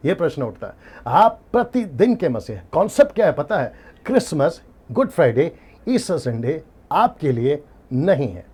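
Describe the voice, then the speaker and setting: A man's voice: on the high side, very animated, moderate pace, a little mellow, breathy edge. A male preacher teaching in a sermon style, emphatic, asking rhetorical questions and repeating his key points. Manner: mixes English words into his speech; rhetorical questions, occasional laughs.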